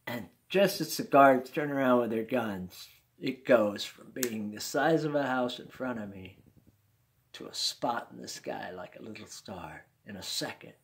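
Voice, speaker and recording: An older man in his sixties with a gravelly, creaky voice spins a personal tale. He talks in a folksy, easygoing way, with chuckling asides, as a storyteller for his listeners. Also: medium pitch, a little slow, a little hiss or hum.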